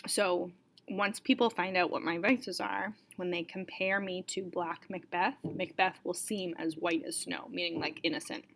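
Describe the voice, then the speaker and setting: A woman's voice: lowish voice, steady tone, normal speed, gravelly, fairly bright tone, a little hiss or hum. A woman teacher casually explaining a play in a chatty manner, with lots of "um" and "like".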